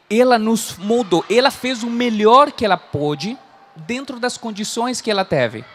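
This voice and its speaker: In his thirties and from Chile, this man coaches a live audience through an earnest motivational talk in Portuguese, his Chilean Spanish accent clear and "né?" popping up often. His voice sits high with a fairly bright tone.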